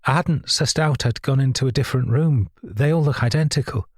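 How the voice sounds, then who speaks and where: A man's voice: mid-range voice, fairly quick, breathy edge, no echo, studio quality, pitched above the performer's own voice, lightly acted. A man reading an audiobook and voicing a tearful, apologetic young woman in a raised, pleading voice.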